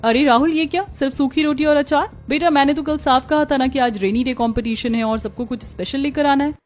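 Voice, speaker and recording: A woman's voice: high-pitched, fairly quick, soft background music, natural voice. Woman voicing a stern schoolteacher. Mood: scolding. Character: strict but kind schoolteacher. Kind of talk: cartoon story voice acting.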